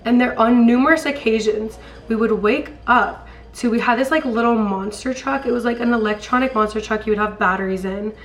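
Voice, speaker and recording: A young American woman with a smoker's rasp, hoarse from being sick, telling stories in a casual, rambling, slangy chat. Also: a little high, brisk, few pauses, faint music behind. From California, later Colorado, US. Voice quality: raspy, like a smoker's voice. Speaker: storytime vlogger.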